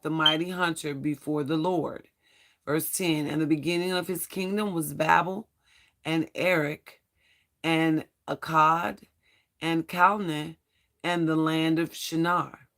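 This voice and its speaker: Reading scripture with earnest spiritual commentary, this Bible study host sounds hoarse and strained as he loses his voice, and he occasionally trips over hard names. His mid-range voice is a bit bright.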